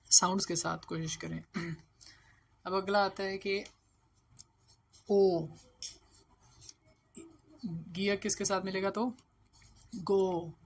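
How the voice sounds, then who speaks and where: A man teaching a beginner language lesson. He is patient, checks in with the listener often and sounds out each syllable loudly and clearly. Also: sits high, level tone, normal speed, slight background noise.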